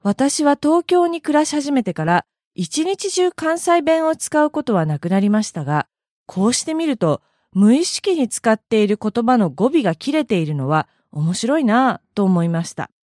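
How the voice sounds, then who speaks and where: Lively-voiced woman teaching Japanese. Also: fairly high pitch, no echo, studio quality. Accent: Kansai Japanese. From Kansai, Japan. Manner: slow, careful enunciation of example words. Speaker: audio blog host. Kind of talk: scripted lesson narration.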